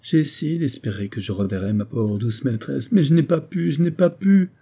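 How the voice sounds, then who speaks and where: A soft-hearted carpenter's wife in an old-fashioned storybook, tearful and pleading, her voice rising whenever her grief breaks through, as a male narrator puts her on. The timbre stays husky and dark. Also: medium pitch, expressive, normal speed, voice pushed up. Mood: distressed. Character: tender, tearful carpenter's wife, middle-aged servant woman.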